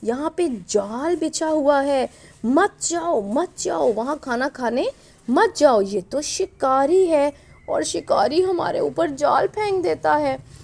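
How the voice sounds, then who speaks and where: A woman's voice: high-pitched, animated, takes it slowly, gravelly, a little mellow, a little hiss or hum, pitched above the performer's own voice, full character voice. A woman voicing a small frightened pigeon urgently pleading with its friends in a storybook reading. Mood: alarmed pleading.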